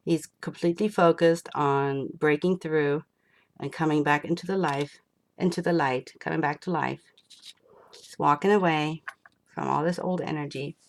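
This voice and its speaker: A woman giving an enthusiastic spiritual tarot reading, excitable and rambling as she turns the cards. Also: deep voice, moderate pace, gravelly. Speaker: tarot reader.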